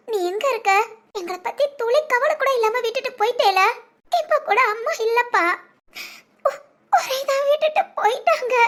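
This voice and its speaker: A woman voicing a young woman who grieves for her absent father, speaking softly and tearfully in an audio drama. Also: very high voice. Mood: grieving. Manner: soft, tearful and polite.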